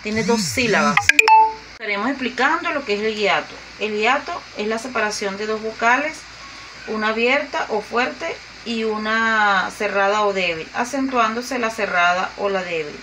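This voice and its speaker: A woman teacher, explaining grammar to young pupils slowly and deliberately, repeating her examples. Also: mid-range voice, bright, forceful tone, a little hiss or hum, poor audio. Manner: slow and deliberate, repeating and spelling out examples with fillers. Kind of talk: slow grade-school grammar lesson.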